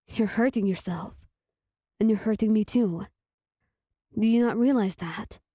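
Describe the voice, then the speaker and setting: A woman's voice: medium pitch, unhurried, dark tone, dry recording, clean studio sound, close to an everyday voice. A woman voicing a hot-tempered, protective young man in a whispered role-play, brusque and swearing, turning tender. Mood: angry.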